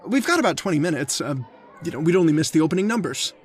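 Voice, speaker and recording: With a fairly high, animated voice close to everyday speech, a fast-talking man acts as a lovestruck hunter in an old time radio drama. The earnest, talkative suitor comes across chatty and casual, his delivery hesitant and stammering.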